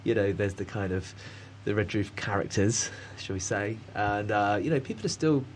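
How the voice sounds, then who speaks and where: Male artist, lowish voice, halting rambling chat. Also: a little hiss or hum. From Cornwall, England. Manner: rambling and hesitant, many fillers, laughs often. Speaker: artist guest. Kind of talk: casual conversation.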